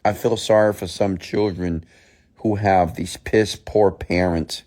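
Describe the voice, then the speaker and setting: This motivational speaker and host has a low, darkish voice that stays steady and slow. He delivers a mindset talk bluntly and emphatically, scolding his listeners, repeating phrases and firing off rhetorical questions.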